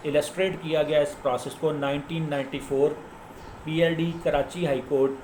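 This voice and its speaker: A man with a Pakistani accent, speaking as a lawyer, gives an informal explanatory lecture that cites case law, teaching in a didactic way and repeating key points for emphasis. His voice is fairly high and darkish in tone, with little pitch movement and a normal speed. The recording is from an echoey room with faint background noise.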